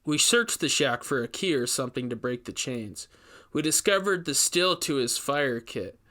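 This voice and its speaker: In a horror audio story, a man reading aloud voices a male investigator recounting a grim ordeal in emphatic first person. His mid-pitched delivery is measured and dramatic, with lively intonation and a sharp tone, the mood grim and suspenseful.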